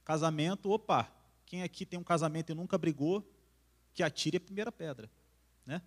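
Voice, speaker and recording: Brazilian male preacher, casual sermon voice, slightly high pitch, chatty then tender. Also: moderate pace. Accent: Brazilian Portuguese. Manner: conversational, acts out quarrels, drops to soft intimate tone. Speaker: singer preaching at church. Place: church.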